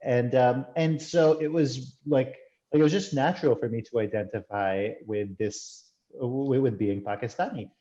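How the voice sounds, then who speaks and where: A man speaks over a dull, muffled video-call line. His voice is dark and mellow. He hesitates often and keeps saying "like, like.". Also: medium pitch, normal speed. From United States. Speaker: guest, tech executive. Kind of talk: casual video-call chat.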